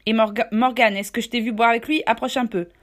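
A woman voicing a jovial, blustering one-legged pirate innkeeper in a storybook reading, with a loud, gruff, bossy manner. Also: medium pitch, expressive, fairly quick, natural voice. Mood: agitated.

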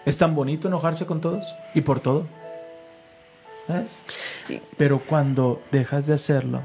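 A man's voice: a little high, fairly even intonation, measured pace, vocal fry, mellow, soft background music, rough recording. A man, a pastor and podcast host, preaching casually, telling stories and leading a call-and-response prayer. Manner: leads call-and-response prayer, fervent and storytelling.

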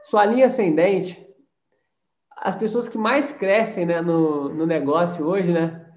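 Brazilian guy pumping up his sales team, high voice, echoey room, kinda muffled. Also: takes it slowly. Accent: Brazilian Portuguese. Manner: energetic, preachy, keeps adding tag questions. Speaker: network marketing mentor. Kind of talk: motivational training talk. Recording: roomy, dull lo-fi sound.

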